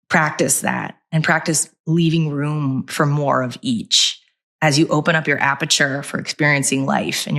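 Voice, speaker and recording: Reflective woman, low warm voice. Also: vocal fry. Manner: reflective, uses many fillers like "like" and "you know". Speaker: podcast host and company founder. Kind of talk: heartfelt conversational chat.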